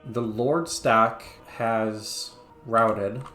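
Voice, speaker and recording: A man's voice: lowish voice, fairly even intonation, drawn-out words, sharp tone, reverberant, soft background music. A man hosting a strategy game video, chatting casually and thinking aloud as he plays, with frequent fillers and self-corrections. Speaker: gaming video host. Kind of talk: casual gameplay commentary.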